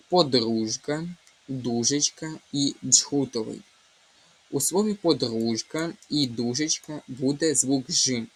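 Slow husky young male tutor. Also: mid-range voice. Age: young adult. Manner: explains step by step, reading options aloud and slowly spelling out sounds. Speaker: Ukrainian language tutor. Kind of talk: exam walkthrough lesson.

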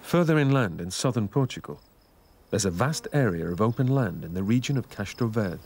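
A man narrating a scripted nature documentary in a measured, informative way. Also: on the low side, expressive, creaky, a little mellow, a little hiss or hum.

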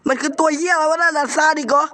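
Young man, very high voice, bright tone, sniffly with a cold, yelling and cursing through a horror game. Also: fairly even intonation, rapid-fire. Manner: loud, swearing constantly, yelling at ghosts. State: runny nose, has a cold. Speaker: gaming YouTuber playing a horror game. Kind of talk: profane live gameplay commentary.

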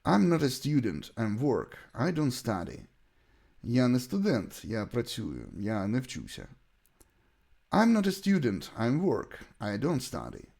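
An English teacher gives a bilingual language lesson, his native Ukrainian coloring his accent. His pitch is average for a man, but it swings hugely and very animatedly, with vocal fry and a slightly mellow quality. He lays out short sentences deliberately as examples to repeat.

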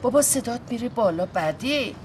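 An actress playing a gentle, conciliatory middle-aged wife who coaxes and soothes her husband in a sitcom. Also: fairly high pitch, lively intonation, slight background noise, natural voice. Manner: soothing, coaxing. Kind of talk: sitcom acting.

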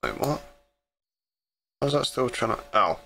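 A man's voice: medium pitch, expressive, a little slow, gravelly, bright, forceful tone, a little hiss or hum. A young man chatting casually and rambling through a driving game while hosting friends. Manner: rambling, easygoing, swears casually. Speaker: gaming channel host. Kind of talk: casual gameplay chat with friends. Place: home room at a desk.

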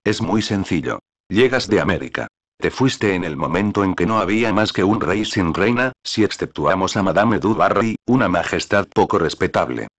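Male reader voicing old aristocrat father, scheming and scornful, deep low voice. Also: lively intonation, moderate pace, fairly bright tone. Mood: coaxing. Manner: scolding, mocking.

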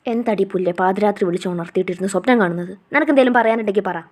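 A woman's voice: medium pitch, very fast, natural voice. A woman voicing a teasing, affectionate young husband in a storybook reading, with playful scolding. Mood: grumpy.

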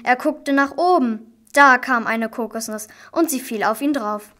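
A primary-school girl narrates a scripted storybook in a high, slightly bright voice at a measured pace, with soft music behind her. It's a clearly noisy amateur recording with audible clicks.

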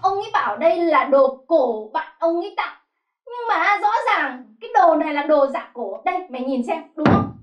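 A brash, gossipy landlord's wife in a slapstick comedy. Her high voice is blunt and coarse. It rings in an echoey room with light music under it. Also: expressive, moderate pace, dull audio. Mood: indignant gossiping. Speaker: comic lead.

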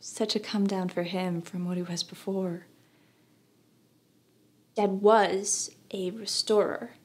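A young woman performs a grieving daughter in a stage monologue, wistful and full of sorrow. The voice is female and mid-pitched. She speaks very slowly, leaving long pauses and letting phrases fall hushed. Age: young adult. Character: grieving daughter recalling her dead father, wistful and sorrowful. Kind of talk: dramatic monologue acting. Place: plain studio, indoors.

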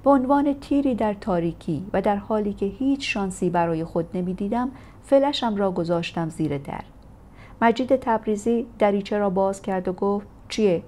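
A woman narrating a first-person memoir in a steady, measured audiobook reading. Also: mid-range voice. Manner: steady, measured storytelling delivery.

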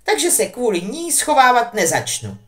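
A woman voicing a fierce, indignant teenage witch girl who talks loud and heated. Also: on the high side, huge pitch swings, voice pushed up. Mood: furious.

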